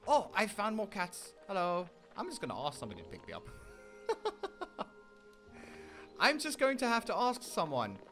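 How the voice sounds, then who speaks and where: A man with a South African accent hosting casual gameplay commentary, excitable and talking straight to his viewers. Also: high-pitched, moderate pace, pauses often, faint music behind. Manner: excitable, keeps addressing viewers as "ladies and gentlemen"; meows and plays along as his kitten character. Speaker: gaming channel host.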